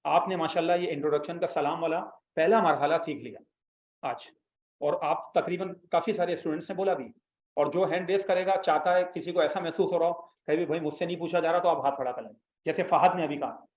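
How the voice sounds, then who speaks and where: A man's voice: a little high, brisk. Patient male Arabic teacher in echoey classroom. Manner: patient, explanatory, prompts students to repeat. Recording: echoey room, slightly dull sound.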